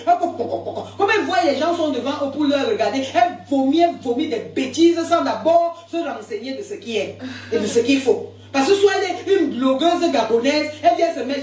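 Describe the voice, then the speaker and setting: A high-voiced woman giving indignant, rambling live commentary and repeating words as she argues. She sits back from the mic in an echoey room. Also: recorded from a distance.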